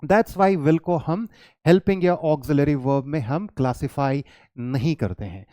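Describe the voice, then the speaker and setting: An English teacher gives a classroom grammar lesson, mixing Hindi and English, reading English sentences slowly and asking and answering his own questions. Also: fairly high pitch, warm tone, dry recording, clean studio sound. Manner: mixes Hindi and English, reads English lines slowly; addresses students as children, asks and answers his own questions.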